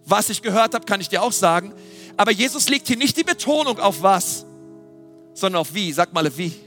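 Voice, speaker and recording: Guy preaching, high bright voice, lively and emphatic, bit of music underneath. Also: a little fast. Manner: lively, emphatic, with dramatic questions. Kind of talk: sermon.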